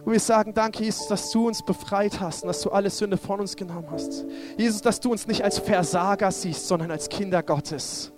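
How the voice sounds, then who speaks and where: High-voiced fervent male preacher. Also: brisk, hardly any pauses, music in the background. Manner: fervent, repeating "Jesus, Herr" in prayer. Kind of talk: sermon and spoken prayer.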